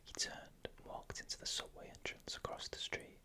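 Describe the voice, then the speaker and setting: A narrator telling scary first-person stories in an unvoiced, breathy ASMR whisper, with slow, deliberate phrasing.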